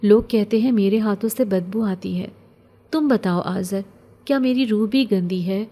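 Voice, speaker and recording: A woman plays a lonely young orphan girl from a horror storybook, keeping every line soft, plaintive and wistful. The acting is light, and her voice is mellow and warm at an ordinary female pitch.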